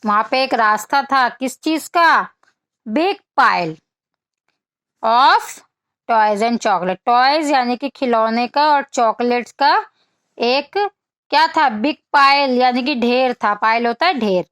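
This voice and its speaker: A woman's voice: fairly high pitch, animated, fairly bright tone, no echo, clean studio sound. A woman teacher, telling a children's story as a lesson, asking questions and explaining phrases in Hindi. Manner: asks questions and answers them, explaining English in Hindi; reads English lines very slowly and deliberately.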